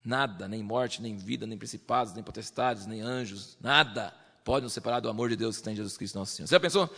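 A man preaching a sermon, lively, acting out believers in quoted voices. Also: lowish voice, fast, creaky, in a large hall.

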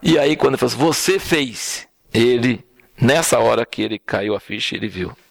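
Delivering an informal sermon as lively conversational storytelling, a man keeps asking "né?" and "entendeu?", that is, "right?" and "understand?". He speaks at a moderate pace with a medium, creaky voice and no echo.

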